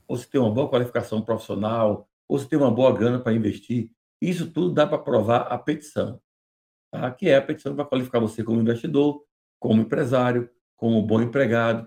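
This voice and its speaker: Speaking with a Brazilian Portuguese accent, this man fields immigration questions during a live podcast. He talks carefully and deliberately, frequently starting words over, in a mid-range, slightly mellow voice.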